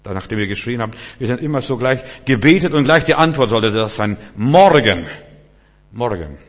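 A male preacher giving a sermon, switching between quiet passages and loud, shouted emphasis. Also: medium pitch, fast talker. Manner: shifts from soft to shouting for emphasis. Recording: long reverb of a hall.

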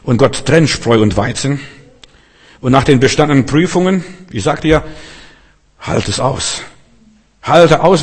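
A man's voice: medium pitch, breathy edge, in a large hall. A man preaching a sermon to his congregation, emphatic and fond of rhetorical questions, acting out quoted voices.

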